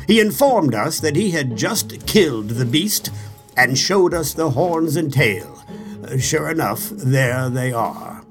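A man's voice: a little high, heavily acted. A man doing a sulky rambling old king. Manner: rambling, grumbling, pleased with himself. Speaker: storybook king voiced by narrator.

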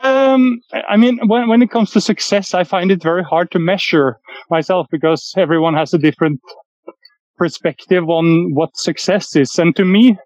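A musician, answering interview questions over a low-quality earbud mic call stream in a thoughtful, halting way with many fillers. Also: male voice, a little mellow, no room sound. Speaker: musician guest. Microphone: earpods while walking outdoors. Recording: dull dry lo-fi call audio.

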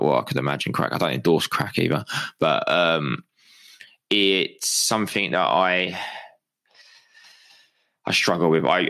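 A man's voice: sits low, creaky, a bit bright, poor audio. A young British man hosting a podcast, rambling and self-deprecating in a casual motivational monologue, a little hungover and swearing freely. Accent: British English. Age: young adult. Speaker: podcast host.

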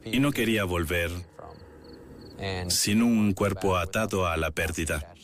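A man's voice: low voice, measured pace, a crowd in the background. A male actor dubbing a sober police detective giving documentary testimony. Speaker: dubbed police detective interviewee.

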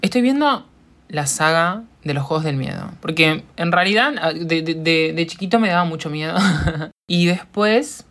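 A woman's voice: deep voice, expressive, a little slow, a bit bright. A woman with a Uruguayan accent hosting a solo podcast, rambling and joking, answering her own questions and laughing often. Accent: Uruguayan Spanish. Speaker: podcast host. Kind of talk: casual solo podcast chat.

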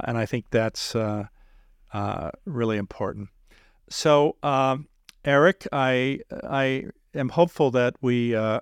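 A man hosting an interview, speaking in a measured, earnest way with many pauses and filler sounds. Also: mid-range voice, clean tone, no echo, studio quality. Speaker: podcast host interviewing a guest. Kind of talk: reflective interview talk.

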